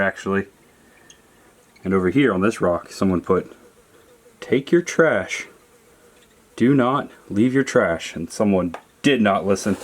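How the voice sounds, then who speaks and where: A man narrating a casual solo exploring vlog, talking straight to his viewers in short, deliberate phrases. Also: on the low side. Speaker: solo explorer filming a cave tour for viewers. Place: on a forest trail and in a small cave.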